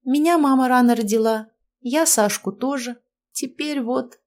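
A woman's voice: high-pitched, measured pace, darkish tone, voice pushed up. A woman reads a headstrong young daughter in a storybook. She argues and pleads insistently. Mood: pleading.

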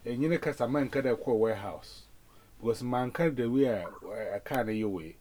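A man's voice: mid-range voice, moderate pace, darkish tone. A man in casual conversation on a phone call, rambling and repeating words as he talks.

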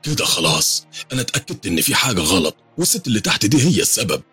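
A man's voice: lowish voice, big pitch swings, very fast, pushed and bright, husky, dry recording, faint music behind, voice pushed up, heavily acted. A man voicing a frightened father with an Egyptian accent, speaking in a soothing, firm way. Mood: grim. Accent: Egyptian Arabic. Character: frightened father, calm and reassuring on the surface.

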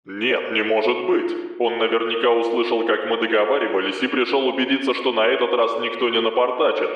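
A man's voice: medium pitch, fairly even intonation, fairly quick, a bit bright. A menacing hooded gang leader, put on by a male audiobook narrator, speaking through a buzzing distortion in curt commands. The sound is muffled and dull, heard from far off in a long, hollow reverb. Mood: commanding.

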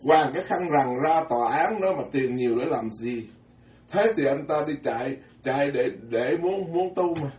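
A Buddhist monk gives a folksy, joking Dharma talk, stumbling over repeated words as he drives his points home. His voice sits a little high for a man. He is picked up from a distance, with a roomy echo around him. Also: animated, normal speed, darkish tone. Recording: echoey hall from far off.

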